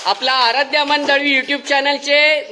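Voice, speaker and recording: Man, vlog host, high pitch, bright tone, playful with kids, formal thanks. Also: little pitch movement, unhurried, a little hiss or hum. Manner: playful, teasing children, then formal thanks. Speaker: vlogger host. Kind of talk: casual vlog chat with schoolchildren. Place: village primary school.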